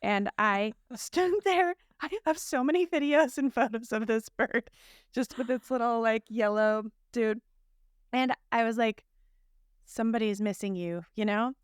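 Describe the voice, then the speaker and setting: A woman's voice: fairly high pitch, a little slow, clean tone, no echo, studio quality. A woman co-hosting a podcast, telling stories in a chatty, laughing way with lots of fillers. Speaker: podcast co-host. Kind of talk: casual podcast chat. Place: abroad in a hotel room or similar.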